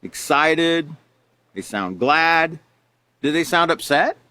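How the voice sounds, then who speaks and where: A man's voice: fairly high pitch, lively intonation, slow pace, pushed and bright, no echo. A man teaching a live character education class, reading out examples and patiently explaining them with rhetorical questions.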